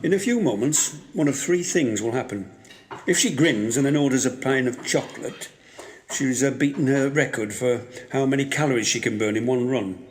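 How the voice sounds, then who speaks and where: In an audio drama, an actor plays a gruff, wry 67-year-old widower who is guarded and grieving, using a dry, curt, formal delivery. His mid-range voice, at normal speed, is close to an everyday voice, with a little hiss or hum in the recording.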